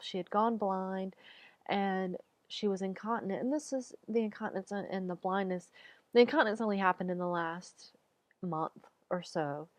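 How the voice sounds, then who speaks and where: A woman talking slowly and haltingly about the loss of her pet, teary at times. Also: mid-range voice, dry recording. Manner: slow, halting, searching for words. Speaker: animal communicator. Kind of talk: personal talk to camera.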